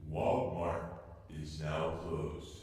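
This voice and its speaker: A man doing a deep, slow loudspeaker announcer. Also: heavily acted. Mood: announcing. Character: male store announcer over a loudspeaker. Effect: store loudspeaker announcement. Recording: booming echo from far off.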